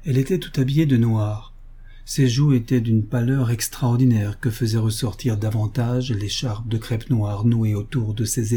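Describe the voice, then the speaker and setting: A man reading a story aloud in a measured, even narration. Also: mid-range voice, slightly rough. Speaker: audiobook reader. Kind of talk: scripted narration.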